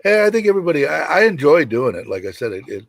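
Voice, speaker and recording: A man with a deep, rumbling voice hosting a casual livestream, rambling and hesitant as he chats. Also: sing-song, fast, vocal fry, no room sound, clean studio sound. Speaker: host of a livestream show.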